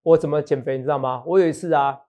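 This warm, fairly high male voice belongs to a middle-aged Taiwanese Mandarin speaker who talks very quickly with fairly even intonation. Hosting a relaxed stock market show, he teases, laughs, cracks jokes and often turns to his co-host with "好不好".

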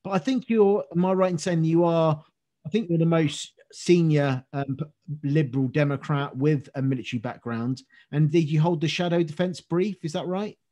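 A man's voice: fairly high pitch, normal speed, dark tone. A man hosting an interview, asking earnest, rambling questions with frequent restarts and ums. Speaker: interview host.

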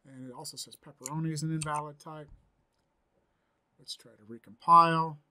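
A man's voice: a little high, fairly even intonation, normal speed, sharp tone. A man in his forties giving a screen-recorded coding tutorial from a home office, thinking aloud as he types, upbeat and chatty. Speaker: programming instructor.

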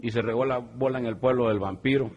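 A man's voice: medium pitch, steady tone, fast, breathy edge, lo-fi sound. A man with a Guatemalan accent telling crude jokes in a casual storytelling way. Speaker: comedian.

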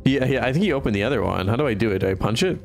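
A man streaming a horror game live, reacting excitedly and laughing often. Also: medium pitch, racing, vocal fry, slight background noise. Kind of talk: live gaming commentary.

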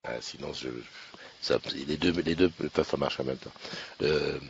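A man's voice: very deep voice, fairly even intonation, moderate pace, vocal fry, lo-fi sound, a little hiss or hum. A man hosting a casual morning live stream, chatty and upbeat, greeting viewers one by one by name. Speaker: livestream host. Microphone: webcam setup.

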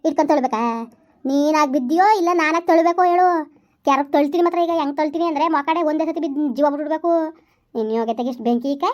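A woman playing a sharp-tongued village wife who scolds her husband in a rapid, furious rush, in a comedy skit. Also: sits high, natural voice. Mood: scolding. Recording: muffled lo-fi sound.

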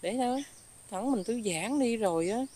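A woman voicing a soft-spoken young mistress. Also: on the high side, expressive, a little slow, slight background noise. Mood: coaxing.

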